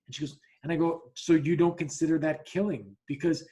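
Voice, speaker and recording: Guy hosting a podcast, bit higher voice, keeps restarting sentences, blunt and sweary. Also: steady tone, fairly quick, mellow. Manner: talks in repeated restarts and acts out both sides of quoted dialogue. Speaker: podcast host. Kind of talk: casual conversational storytelling.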